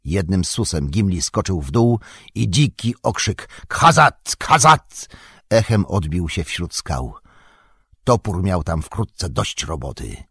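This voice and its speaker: Low husky male audiobook narrator. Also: lively intonation, darkish tone, no echo, studio quality. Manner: measured, dramatic reading. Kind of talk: scripted narration of a fantasy novel.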